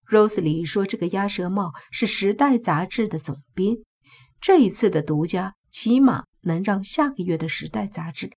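A woman giving a steady, scripted audiobook narration. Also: lowish voice, creaky, husky.

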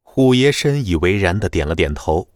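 A man narrating a web novel audiobook in a lively, dramatic storytelling manner. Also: low voice, normal speed, no echo.

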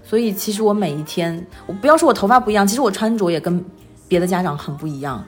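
Woman, 30s, interview guest. Quick, animated, self-deprecating storyteller, music in the mix. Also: medium pitch. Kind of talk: casual conversational storytelling.

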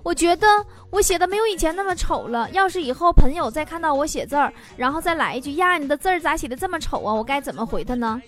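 Lively Northeastern Chinese woman radio host. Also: high voice, fast, few pauses. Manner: playful, teasing, laughs at own jokes. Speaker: radio host reading listener messages. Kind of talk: casual comedic radio chat. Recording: music bed behind voice.

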